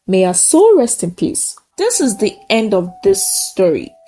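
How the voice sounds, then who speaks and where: With a mellow, medium-pitched voice and a sing-song lilt, a woman storyteller recounts a folktale a little slowly. Short, simple sentences carry a solemn, emphatic weight in this dramatic telling that finishes with a moral.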